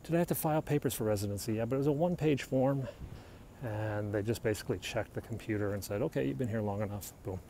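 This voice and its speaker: Speaking fast in a mellow voice on the low side, a middle-aged livestreamer from the United States hikes a hilltop and chats casually. He takes viewers' questions while holding his phone as he walks, and the outdoor audio is noisy.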